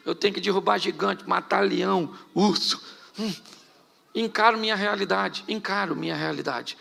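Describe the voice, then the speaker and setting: A middle-aged Brazilian pastor from Rio de Janeiro with a Carioca accent, preaching a humorous sermon to a congregation and telling stories about himself. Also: male voice, high-pitched, creaky, bright, forceful tone. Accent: Carioca Brazilian Portuguese. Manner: humorous storytelling preacher, laughing at his own jokes. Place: church hall with a live congregation.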